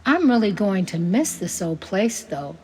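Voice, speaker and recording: A woman voicing a grieving older immigrant farm woman, telling old family memories in a gentle, tearful way. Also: mid-range voice, sing-song, a little slow, slightly rough, in a large hall. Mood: wistful.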